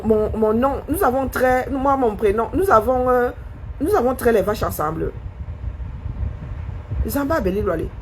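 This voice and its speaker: On a live stream, a woman confronts a critic with scorn, firing off rhetorical questions. Her somewhat high voice jumps around expressively, and the poor-quality audio carries a faint background hum.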